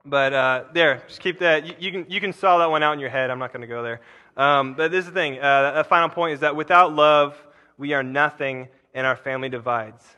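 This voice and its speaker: Rambling preacher with a bright voice in a reverberant hall. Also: male voice, fairly quick, clean tone. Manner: rambling, self-interrupting, with frequent fillers and restarts; bursts into loud, high emphatic paraphrase. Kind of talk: casual sermon. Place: church.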